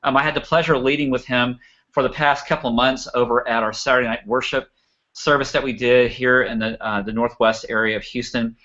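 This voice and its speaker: A man hosting a live web show, talking fast and enthusiastically in a radio-announcer manner. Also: mid-range voice, fairly even intonation, pushed and bright, dull audio. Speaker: show host.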